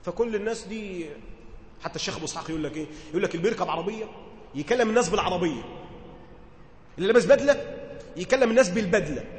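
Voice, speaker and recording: A man with an Egyptian accent teaches a religious lesson in a high, light voice. He moves between formal reading and relaxed dialect and often stops to ask his listeners questions. The recording has the long, roomy reverb of a hall with faint ambience behind. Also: slight background noise. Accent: Egyptian Arabic. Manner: conversational, asks listeners questions to check understanding. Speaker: teacher explaining Quran commentary.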